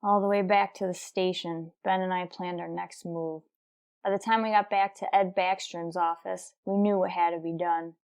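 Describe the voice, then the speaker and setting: A woman narrates and stars in a radio crime drama as a determined, businesslike police detective sergeant. Her delivery is clipped, terse, deadpan, and procedural. Her voice is fairly low, at normal speed, and only lightly acted.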